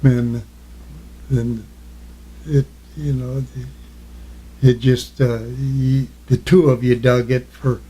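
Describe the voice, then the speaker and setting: An elderly man, a war veteran, remembering his service in an interview, halting as he recalls and answering in short, plain phrases. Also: medium pitch, flat delivery, warm tone, slightly rough, low-quality recording. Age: elderly, 80s or older. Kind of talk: reminiscing in an oral history interview.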